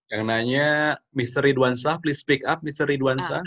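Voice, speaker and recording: A man moderates a webinar Q&A and relays questions in a relaxed way. His voice is mid-pitched. The call audio sounds a little muffled and lo-fi. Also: moderate pace. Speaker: webinar host.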